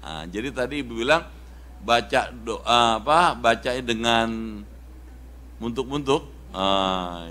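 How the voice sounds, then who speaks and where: A middle-aged man from Indonesia preaching a casual sermon in a mosque, telling a story with lively quoted voices. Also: mid-range voice, a little hiss or hum.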